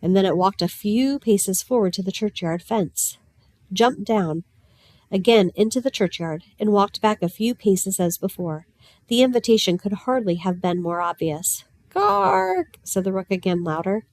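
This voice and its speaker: Calm woman reading a storybook aloud. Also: mid-range voice, moderate pace, no room sound. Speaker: audiobook narrator. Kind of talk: storybook narration.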